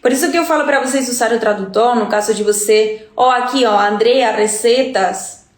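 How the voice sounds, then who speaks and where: A Uruguayan-accented woman with a high voice teaches Spanish in a chatty live-stream lesson. She keeps checking in with her listeners as she goes. Her voice bounces around a roomy, echoing space. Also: moderate pace.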